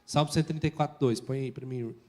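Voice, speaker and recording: A man preaching a sermon as pastor in a church, lively and urging the congregation to repeat words and shout. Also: medium pitch, fast. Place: church hall with live congregation.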